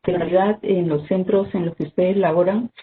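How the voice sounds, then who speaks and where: A health instructor, giving an online first-aid training talk in a measured, explanatory way, often ending points with "¿no?". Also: medium pitch, steady tone. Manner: measured, explanatory, frequent "¿no?" tags and "este" fillers. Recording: tinny phone-like video call audio with faint noise.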